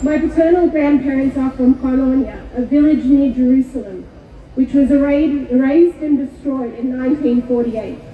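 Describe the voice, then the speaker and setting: A woman born in Kuwait giving a measured, solemn prepared speech to an outdoor rally. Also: sits high. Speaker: rally speaker. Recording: echoey far-off PA with tinny sound.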